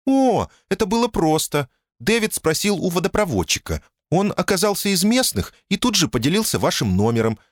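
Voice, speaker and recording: A man voicing a nervous, high-strung woman on the phone, with a thin, tense voice and hurried, fluttery apologies. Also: very animated, no echo, studio quality. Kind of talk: audiobook character voice.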